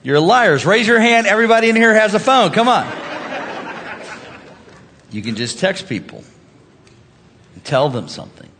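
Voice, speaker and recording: Lively high-voiced pastor preaching. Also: male voice, moderate pace, long pauses, slight background noise. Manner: lively, conversational preaching with humor and rising emphasis. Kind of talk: sermon. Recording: reverberant hall.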